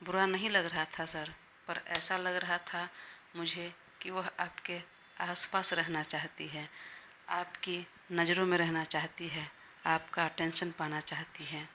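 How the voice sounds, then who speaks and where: A woman's voice: lowish voice, level tone, unhurried, pushed and bright, slight background noise. A woman voicing a polite, eager young male employee, in a Hindi audio story.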